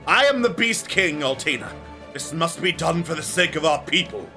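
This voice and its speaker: A man's voice: on the high side, expressive, moderate pace, sharp tone, soft background music. A man voicing a grim, determined female beast ruler, speaking in a solemn, declamatory way.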